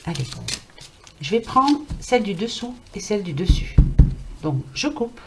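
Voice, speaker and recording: A woman's voice: medium pitch, very animated, unhurried. A French woman giving a casual card reading, chatty and reassuring, with a scratchy throat and a fading voice. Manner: chatty, reassuring, many fillers. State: scratchy throat, losing her voice. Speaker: card reader. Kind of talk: casual tarot reading to camera.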